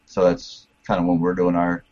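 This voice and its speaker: Hesitant low-voiced man on a call. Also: monotone, moderate pace, darkish tone, muffled recording. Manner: hesitant, many fillers and restarts. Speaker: panel guest. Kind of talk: casual group chat.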